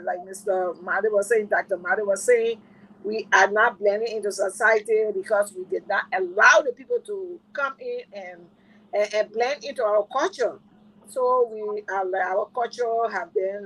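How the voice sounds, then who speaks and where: A woman's voice: mid-range voice, a bit bright, low-quality recording. A woman with a Liberian accent speaking earnestly as a political analyst on a panel, repeating herself and asking rhetorical questions. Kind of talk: panel discussion.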